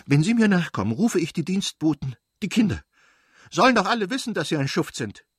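A man voicing a bitter, furious betrayed noblewoman in a shrill, raised voice. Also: lively intonation, normal speed, a little mellow, husky, no echo, studio quality. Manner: shrill, screaming outbursts.

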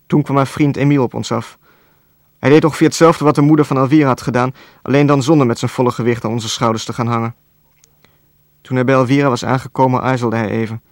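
Calm Dutch-language male audiobook narrator. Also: medium pitch, fast talker, no echo, studio quality.

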